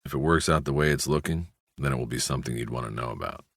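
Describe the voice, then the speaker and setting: Weary male detective, very deep, curt and guarded, voiced by the narrator; dry close sound. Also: rapid-fire, husky, no echo, full character voice. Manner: low, clipped and guarded.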